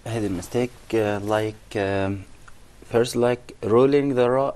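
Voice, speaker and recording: A man's voice: fairly low pitch, a little slow, darkish tone. A male student answering his teacher's questions hesitantly, with many fillers.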